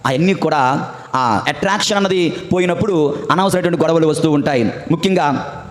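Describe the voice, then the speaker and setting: High-voiced preacher in an echoey church. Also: male voice, brisk. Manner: storytelling preacher with repeated refrains and call-and-response. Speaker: priest. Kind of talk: sermon.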